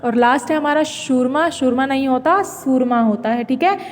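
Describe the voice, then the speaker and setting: A woman teacher slowly reading out a school exercise, dictating words one by one with patient explanations. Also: high-pitched, long reverb tail, a little hiss or hum. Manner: slow, patient word-by-word dictation.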